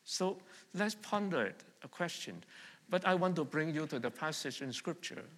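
Preaching in a church hall whose long reverb fills the recording, this middle-aged pastor from Vietnam has a slightly high, bright, somewhat rough voice. He is animated at a normal speed, conversational in tone, and questions the congregation, who respond in call-and-response.

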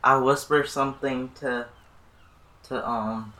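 A man's voice: medium pitch, steady tone, takes it slowly, sharp tone. A man chatting casually and a little hesitantly as a player in a tabletop game. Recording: echoey room.

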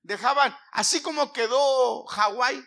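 A pastor preaching with a high, ringing voice. He is a man who climbs to emphatic peaks, then drops into hushed asides. He asks the congregation questions as he goes. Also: a little slow, gravelly. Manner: asks the congregation questions, sings snatches of a hymn. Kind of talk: sermon.

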